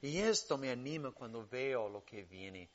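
A man preaching a sermon with emphatic stresses that drop to hushed, soft passages. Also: expressive, unhurried, dull audio. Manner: emphatic preaching that swings between loud stresses and hushed lows.

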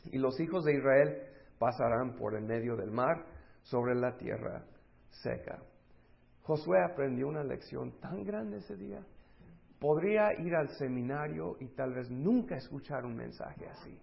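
A man preaching a sermon, acting out the voices of the people in his story and moving between loud and hushed delivery. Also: medium pitch, expressive, normal speed, gravelly, muffled recording.

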